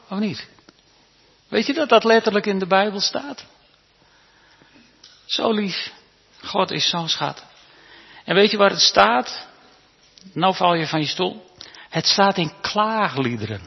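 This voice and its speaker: A man preaching a sermon to his congregation in a church, talking warmly and conversationally, asking them questions and sometimes restarting his words. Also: high voice, gravelly, slightly rough. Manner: stammering restarts. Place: church hall. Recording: reverberant hall, dull lo-fi sound.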